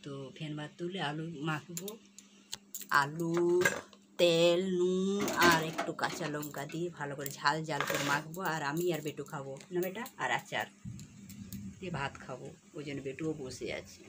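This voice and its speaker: A woman chats casually to viewers from her kitchen, filming on a phone while she coaxes her pet parrot in high baby talk. Her throat is a little sore. Steady noise sits under the home recording. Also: moderate pace. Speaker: pet vlogger. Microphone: phone camera.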